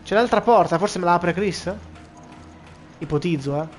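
A man's voice: high voice, moderate pace, soft background music. A young man with a boyish voice, joking and swearing through casual gameplay commentary to his viewers. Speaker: let's play gamer.

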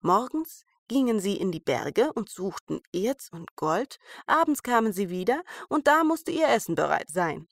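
Female storyteller, German fairy tale bedtime narration, slow pace, dry close sound. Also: mid-range voice, sing-song, dry recording. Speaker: podcast storyteller.

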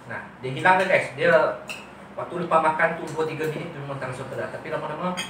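A man's voice: a little high, fast talker, pushed and bright, a little hiss or hum. A man, casually giving his verdict to viewers during a meal at home. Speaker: family mukbang vlogger. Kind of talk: casual chat to viewers while eating. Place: small bare room at home, dining table. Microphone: camera a few metres away. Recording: very echoey room, distant mic, clattering dishes.

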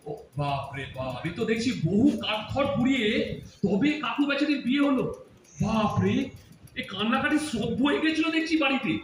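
A man's voice: very high voice, big pitch swings, fairly quick. A man playing a grown son in an audio drama, teasing and lecturing his mother and aunt. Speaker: radio drama actor. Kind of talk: Bengali audio drama acting. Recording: distant echoey room with faint hiss.

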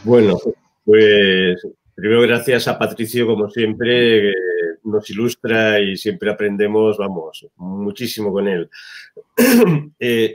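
A man, speaking as a panel guest in a measured academic way. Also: fairly low pitch. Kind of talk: academic discussion.

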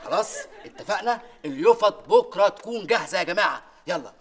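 A man's voice: high voice, animated, quick pace, a bit bright, a faint crowd. A rousing Egyptian factory foreman. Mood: rallying. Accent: Egyptian Arabic. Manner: rousing, conspiratorial speech. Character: scheming factory foreman rallying a strike. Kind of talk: sitcom acting.

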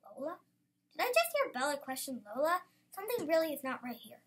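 High-voiced schoolgirl reading her story. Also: fast talker. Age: child. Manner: lively, bursts into excited exclamations. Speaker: student storyteller.

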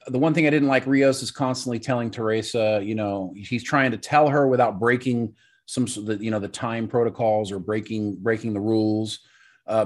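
A man co-hosting a casual review podcast, explaining in a rambling, hedging way from a home setup. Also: on the low side. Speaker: podcast co-host.

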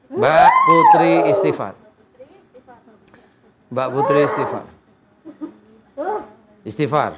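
A man's voice: a little high, slight background noise. A man, a preacher, coaxing and joking through a spiritual healing session, then chanting prayers. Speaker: Islamic preacher performing an exorcism.

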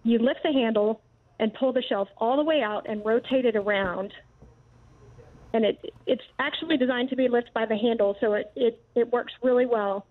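A woman calls in over a narrow, tinny phone line. Her voice sits slightly high as she explains a product she invented, politely and in practical steps. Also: normal speed. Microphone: phone call into live show.

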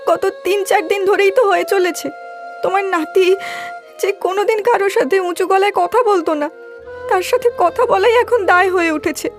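A woman's voice: very high-pitched, a little fast, soft background music. A woman voicing an anxious young wife in a cartoon, pleading and emotional. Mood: worried. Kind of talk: cartoon voice acting.

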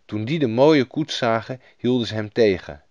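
A man narrating a fairy tale in a lively storybook manner, doing the characters' voices himself. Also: medium pitch, normal speed, no room sound. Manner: lively storybook reading, voicing each character. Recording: dull lo-fi dry recording.

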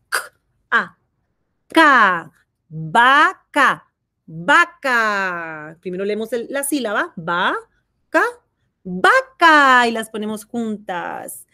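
A woman teaching a kindergarten phonics lesson, sounding out letters and syllables one by one and praising the children. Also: fairly high pitch. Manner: sounds out letters and syllables slowly, warm encouragement.

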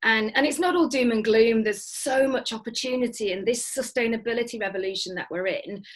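A woman's voice: on the high side, fairly quick. A woman, a guest on a video call, talking enthusiastically with many fillers and restarts. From Lancashire, England. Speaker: guest, business founder. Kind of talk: remote interview. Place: dim home room.

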